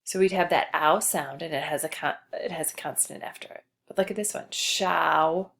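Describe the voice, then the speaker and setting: A woman teacher giving a patient spelling lesson to a child, slowly spelling out letters. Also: deep voice.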